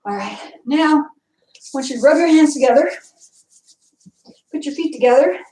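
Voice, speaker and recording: A woman's voice: sits high, expressive, normal speed, warm tone, far from the mic. A woman instructor leading an online martial arts workout, cueing and counting moves, getting out of breath. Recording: echoey room, voice from afar.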